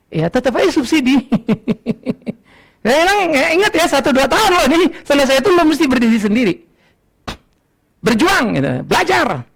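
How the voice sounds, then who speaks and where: An older man preaching a sermon. He swings between loud outbursts and low asides and laughs often. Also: creaky, breathy edge. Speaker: pastor. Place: church hall.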